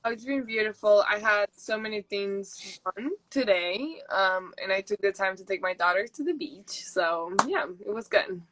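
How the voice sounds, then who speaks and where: A woman's voice: medium pitch, lively intonation, normal speed, few pauses, fairly bright tone, slight background noise, rough recording. A young woman from Peru, a native Spanish speaker, chatting casually and laughing often as an interview guest. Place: houseboat.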